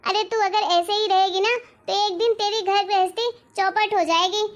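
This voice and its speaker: A woman's voice: very high voice, steady tone, normal speed. A woman voicing a loving elderly mother-in-law in a family cartoon story, scolding fondly and insisting firmly. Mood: firm defending.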